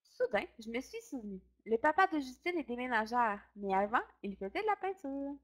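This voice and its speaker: A woman storyteller reading a children's story aloud. She narrates in the first person and keeps the reading expressive. Her voice sits on the higher side. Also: brisk.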